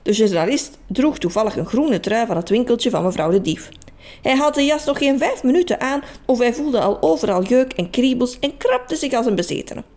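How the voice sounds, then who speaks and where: A woman reading a children's story aloud in an expressive, animated way. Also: fairly high pitch, normal speed.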